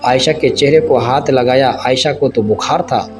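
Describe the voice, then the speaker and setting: A man narrating a moral story in a plain, steady reading voice. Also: medium pitch, moderate pace. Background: soft music.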